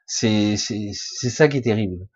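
Hoarse, raspy low-voiced man. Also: measured pace, dry recording, dull audio. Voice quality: husky, raspy, chesty voice. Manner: rambling, blunt, casually sweary, emphatic. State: hoarse, recovering voice with a cough. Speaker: spiritual vlogger speaking to followers. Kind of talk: informal spoken monologue.

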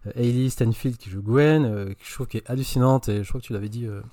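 A man's voice: mid-range voice, quick pace, dark tone, dry recording. Man, podcast film reviewer, eager and opinionated, hesitant fillers, dry close sound. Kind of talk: casual podcast chat.

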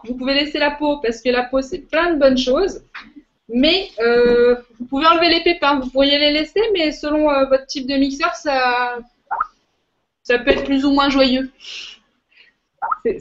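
A woman hosting a workshop, giving an informal, chatty demonstration with a hesitant way of explaining. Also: sits high. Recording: muffled, lo-fi audio.

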